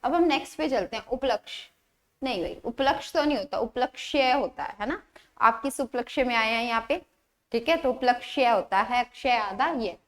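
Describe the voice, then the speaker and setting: High-voiced woman teaching grammar. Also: normal speed. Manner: explains patiently, repeats words, asks rhetorical questions. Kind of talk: exam-prep grammar lesson.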